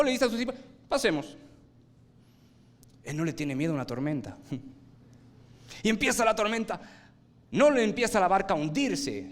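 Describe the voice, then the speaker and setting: A man delivers a sermon, alternating loud, emphatic bursts with low, quiet lines and posing rhetorical questions to his listeners.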